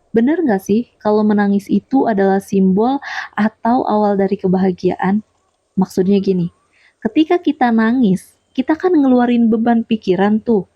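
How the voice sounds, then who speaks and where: A motivational YouTuber talks directly to camera, repeatedly returning to her key points and posing questions to her viewers. Her voice is medium in pitch, and the recording is dry and dull.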